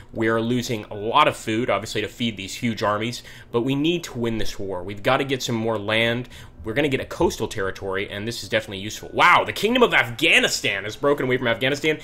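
Guy doing let's play commentary, bright tense voice, chatty, thinking out loud, bit of hum behind. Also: mid-range voice. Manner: chatty, thinking aloud while playing. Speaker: gaming channel host.

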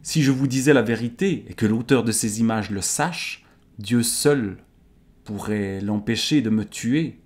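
A man's voice: mid-range voice, unhurried, a little mellow, natural voice. A man with a Swiss French accent reading aloud the lines of a cautious royal sister who fears revenge. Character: wary royal sister, fearful of revenge, woman.

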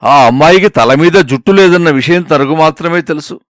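A man reading out a comic story, telling it in a playful, expressive way. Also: on the high side, fairly quick, dry recording, clean studio sound. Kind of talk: scripted narration of a comic story.

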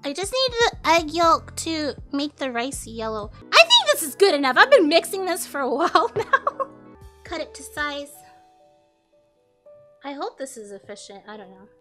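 Casting: young female streamer, cute anime-girl delivery, very high and bright, chatting casually over background music. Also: normal speed. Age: young adult. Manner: giggly, expressive. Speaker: live streamer. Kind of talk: casual livestream chat while cooking. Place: home kitchen, indoors. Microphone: close studio mic on a boom arm.

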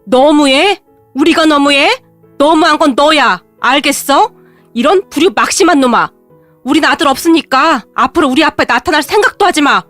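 A thundering old father-in-law scolding his son in a storybook tale, read by a woman. His lines come loud and harsh, set high in her range. The sound is dry and close, with faint music underneath. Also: normal speed, no room sound. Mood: stern. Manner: booming, scolding.

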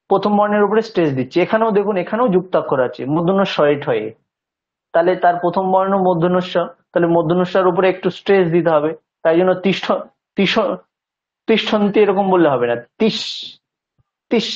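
Guy teaching sanskrit sounds, fairly high voice, patient, slow drawn-out examples, muffled lo-fi audio. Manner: patient, drawn-out syllable-by-syllable demonstrations. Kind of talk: language lesson explaining pronunciation. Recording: dull lo-fi recording.

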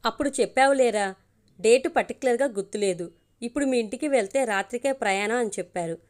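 A woman's voice: on the high side, fast talker, a little mellow, natural voice. A woman voicing an anxious young man pleading with his best friend, in a storybook reading.

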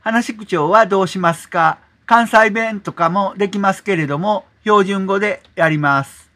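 A man hosting a software tutorial, explaining step by step in a polite manner, often adding 'desu ne' as filler. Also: high-pitched, moderate pace. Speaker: tutorial host. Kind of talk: screen-recorded software tutorial.

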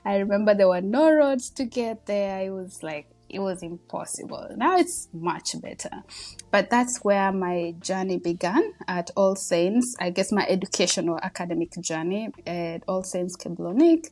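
A Kenyan-accented woman in her thirties, appearing as a podcast guest, chats warmly and humbly about her life, laughing often and using lots of fillers. Her mid-range voice is animated and moves at a normal speed. Soft music plays in the background.

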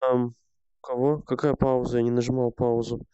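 A man's voice: mid-range voice, little pitch movement, moderate pace, warm tone, clear, resonant tone, no room sound. A young man streaming a game, grumbling and swearing to himself in casual commentary. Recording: dull lo-fi sound.

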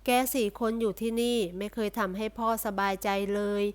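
A woman voicing a weary older nobleman father who grumbles loudly at his sons. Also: medium pitch, fairly even intonation, fairly quick, lightly acted. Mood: weary grumbling.

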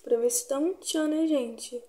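A woman's voice: sits high, unhurried, warm tone. A young Brazilian woman with a Brazilian accent, chatting slangily to her viewers while she gets ready at home. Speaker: vlogger. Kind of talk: casual get-ready-with-me vlog.

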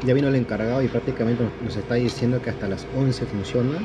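A man's voice: mid-range voice, fast, dull audio, background noise. A young man with a Peruvian accent, hosting a casual food-tasting vlog, chatting and explaining to viewers at a restaurant table. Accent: Peruvian Spanish. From Peru. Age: young adult. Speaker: vlogger host. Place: indoor sushi restaurant. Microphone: camera on the table.

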